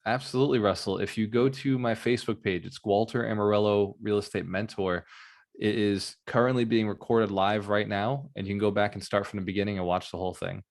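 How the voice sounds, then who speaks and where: A lowish male voice hosts a live video-call Q&A as a real estate mentor. He keeps things upbeat and loose, rambling a little and dropping casual fillers between his points. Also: fairly even intonation, brisk. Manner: upbeat, rambling, with fillers like "man" and "you know".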